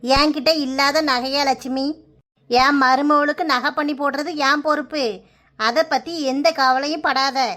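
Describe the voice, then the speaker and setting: A woman's voice: high voice, steady tone, a little slow, bright, forceful tone. A woman voicing a kindly older village woman in a cartoon, reassuring in a Kanyakumari Tamil accent. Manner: soothing, reassuring.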